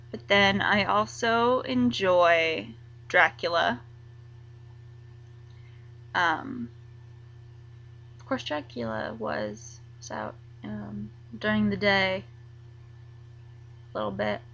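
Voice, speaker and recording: A young woman chatting casually to camera as a vlogger, rambling and halting, full of likes and ums. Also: mid-range voice, gravelly, a bit bright, low-quality recording.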